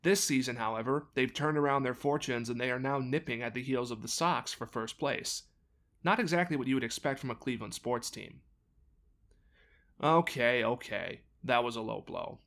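A man's voice: medium pitch, normal speed, fairly bright tone. A man hosting a podcast, reading a scripted sports story with wry, sarcastic asides. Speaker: podcast host.

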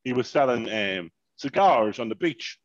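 Animated man telling a story. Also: mid-range voice, moderate pace, dry recording, dull audio. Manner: animated, swears freely, repeats "mayhem" and "unbelievable". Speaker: podcast co-host. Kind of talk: casual storytelling chat.

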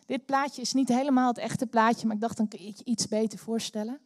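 A Dutch woman preaching a sermon in church, telling a story with animated bursts of energy. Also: fairly high pitch, fairly quick, no room sound, clean studio sound. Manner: animated, bursts into loud cheering when acting out the story. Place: church hall.

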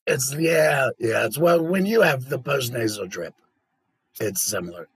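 A man with a gargly laryngectomy voice made through the esophagus with a valve, giving an informal educational talk and pausing to swallow and clear mucus. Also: mid-range voice, animated, a crowd in the background. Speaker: patient educator.

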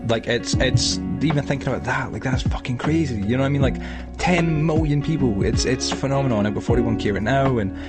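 A Scottish man from Edinburgh hosts a casual podcast chat over an online call, his mid-range voice brisk against loud music. He rambles, restarting often and leaning on fillers.

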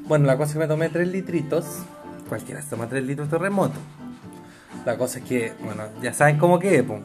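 Chilean man, podcast co-host, lively pitch swings, chatty storyteller with music under him. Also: fast. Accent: Chilean Spanish. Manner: rambling, laughs often while telling. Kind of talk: casual storytelling chat.

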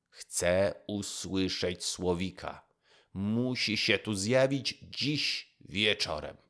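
A man's voice: low-pitched, creaky, a bit bright, full character voice. A man voicing a proud, vain old emperor who gives orders in a demanding way. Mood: imperious. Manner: imperious, demanding.

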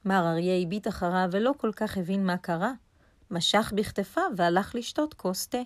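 A woman narrating a children's story in an expressive way, speaking directly to young listeners. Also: mid-range voice, dry recording.

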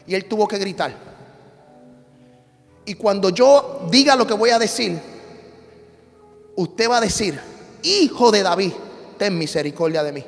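A man preaching an impassioned sermon, swinging from loud repeated shouts to low storytelling. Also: expressive, a little slow, pauses often, big-room sound, soft background music. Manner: shifts from shouting to hushed storytelling, repetitive cadence. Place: church sanctuary.

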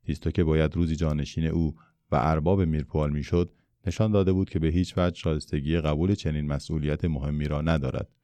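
A man reads a children's storybook aloud in a steady, measured voice. His tone is low, warm and smooth, with a resonant quality. The sound is dry and close to the mic. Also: no room sound. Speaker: narrator. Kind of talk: storybook reading.

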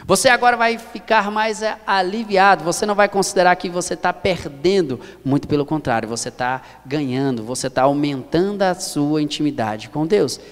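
A man's voice: fairly high pitch, moderate pace, hardly any pauses. A man in his thirties with a Brazilian Portuguese accent, preaching a sermon earnestly and repeating phrases for emphasis. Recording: long hall reverb.

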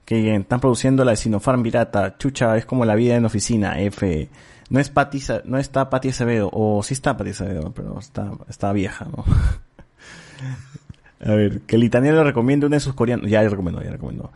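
Un hombre con acento peruano que conduce un pódcast en charla casual, relajado y con mucha jerga y groserías. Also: male voice, fairly low pitch, quick pace, darkish tone. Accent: Peruvian Spanish. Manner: slangy, laid-back, swears freely. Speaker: podcast host. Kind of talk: casual chat among friends.

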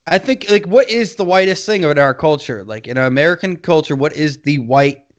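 A man's voice: a little high, animated, brisk, highs cut off. A man co-hosting a podcast in casual chat, rambling and swearing, often laughing between phrases. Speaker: podcast co-host. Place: podcast studio.

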